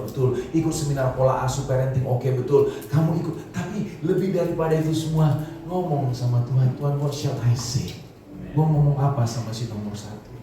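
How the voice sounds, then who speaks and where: A man's voice: medium pitch, noisy background. A middle-aged man preaching a sermon as pastor, telling stories casually and acting out quoted voices. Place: church hall. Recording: echoey hall, voice from far off.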